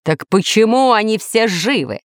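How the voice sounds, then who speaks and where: A woman voicing a brooding, weary villain lord in a storybook reading, low and snappish. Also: lively intonation, moderate pace, no echo, clean studio sound, natural voice. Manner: gloomy, snapping.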